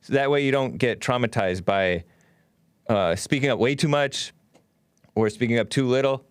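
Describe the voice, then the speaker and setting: A man's voice: mid-range voice, normal speed, clean tone, no echo, clean studio sound. A man hosting a call-in show, talking casually with callers.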